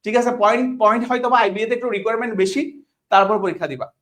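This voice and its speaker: Bangladeshi tutor, repeats himself a lot. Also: male voice, sits high, racing, fairly bright tone. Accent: Bangladeshi Bengali. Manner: repeats questions, checks in with students often; mixes English words into Bengali. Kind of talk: online class lecture.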